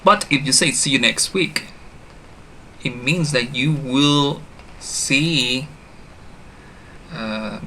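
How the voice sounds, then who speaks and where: A male English teacher giving a beginner lesson online, speaking at an unhurried, deliberate pace. His voice is clear and bright, and he repeats each example phrase so learners can copy it. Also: mid-range voice, slight background noise. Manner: stops to correct himself with a quick "sorry".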